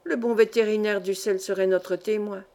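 A woman reading a classic novel aloud as an audiobook narrator, in an even, measured storytelling manner. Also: mid-range voice. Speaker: audiobook reader.

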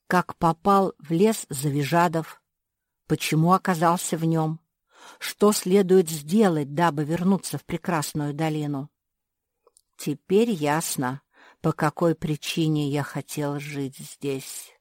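A woman voicing a thoughtful male cat who speaks in a slow, measured way. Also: sits low, steady tone, no echo, clean studio sound. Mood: calm.

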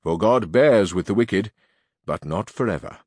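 A man's voice: on the low side, lively intonation, measured pace, slightly rough, no echo, studio quality. A man voicing a solemn chivalrous knight. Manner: solemn, lofty. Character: grandiose chivalrous old knight, male.

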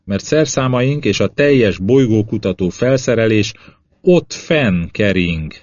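A man's voice: fairly low pitch, lively intonation, a little mellow, slight background noise, lightly acted. Man reading as a sarcastic spaceship commander. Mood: sour. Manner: sarcastic, sour. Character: skeptical male spaceship commander. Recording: slightly dull lo-fi audio.

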